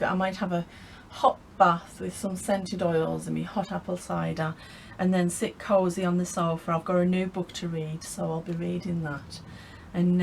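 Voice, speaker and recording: A woman's voice: lowish voice, gravelly, fairly bright tone, low-quality recording. Lady chatting thru her craft journal at home, rambly and giggly, faint hiss in back. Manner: chatty, rambling, laughs often. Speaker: craft vlogger. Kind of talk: casual crafting chat.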